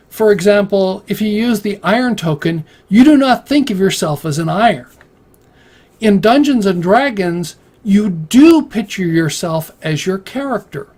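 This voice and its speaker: Man reading a measured explainer. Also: high-pitched, a little mellow. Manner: measured, read-aloud delivery with occasional restarts. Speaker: video creator explaining a game. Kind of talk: scripted explanatory narration.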